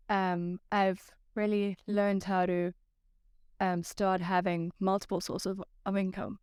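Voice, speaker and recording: A woman speaking on a panel in a thoughtful, halting way, dropping in frequent ums. Her voice is smooth and resonant, recorded close and dry. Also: medium pitch, darkish tone, dry recording. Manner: thoughtful, hesitant, many ums. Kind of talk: casual panel chat.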